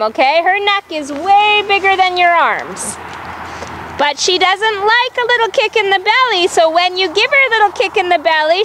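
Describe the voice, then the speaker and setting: Female riding coach, very high pitch, unhurried delivery of brisk projected commands, encouraging and firm, light background noise of a riding arena. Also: sharp tone. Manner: encouraging, firm, repeats short instructions. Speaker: horse riding instructor.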